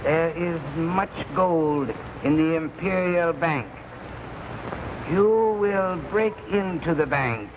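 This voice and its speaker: Villain boss: high voice, unhurried formal delivery, scheming; muffled 1950s TV broadcast sound. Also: male voice. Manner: formal, slow and deliberate. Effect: noisy, dull 1950s TV broadcast recording. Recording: hissy, muffled old TV soundtrack.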